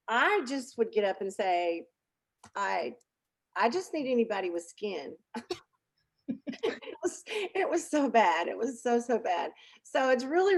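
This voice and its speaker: An American woman guest talking casually about her business, chatty and self-deprecating, with many fillers and restarts. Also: on the high side. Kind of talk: casual interview chat.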